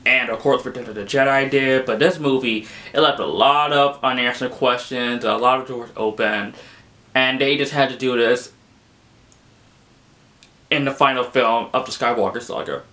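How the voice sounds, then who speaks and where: A man's voice: mid-range voice, normal speed, bright, forceful tone. A young man giving a casual, rambling film review, exasperated and full of "like" fillers. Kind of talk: casual spoken movie review.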